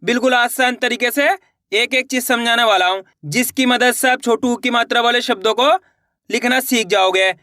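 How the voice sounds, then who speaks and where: Male teacher, Hindi accent from India, step-by-step lesson, bright, dry close sound. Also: very high-pitched, moderate pace, no room sound. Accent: Hindi-speaking India. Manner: repeats words, asks and answers own questions.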